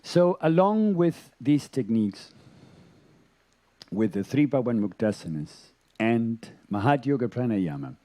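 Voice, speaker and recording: Man, yoga teacher, live lecture, expressive pitch, mellow, gentle storytelling. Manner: animated storytelling, chuckles.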